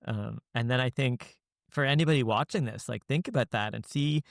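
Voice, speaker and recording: Podcast host guy, gravelly voice, calm, lays out points one step at a time, dry sound. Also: mid-range voice, no echo. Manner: measured, explains in orderly steps. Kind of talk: casual conversation.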